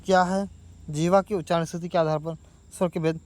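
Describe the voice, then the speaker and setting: Guy teaching exam prep grammar, kinda high voice, quizzes himself then answers, drags sounds out. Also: little pitch movement. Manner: asks questions then answers them himself; stretches sounds out slowly when demonstrating vowels.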